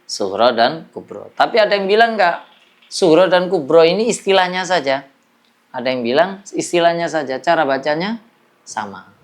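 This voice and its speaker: A man's voice: a little high, expressive, moderate pace. A man teaching a classroom lesson on Quran recitation, explaining patiently and drilling examples.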